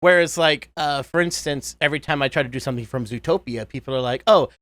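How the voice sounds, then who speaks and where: Appearing as an interview guest, this man in his thirties does voice impressions, talking casually and animatedly before slipping into cartoon voices. His mid-range voice moves fast, with no echo on the recording.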